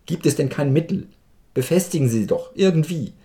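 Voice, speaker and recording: A vain, desperate officer begging loudly in a strained, raised voice with a gravelly, dark edge, as a man reads him in a storybook reading. his lively pitch swings with every plea. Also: moderate pace. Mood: pleading. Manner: pleading, raised and loud. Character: desperate vain male officer who lost his nose.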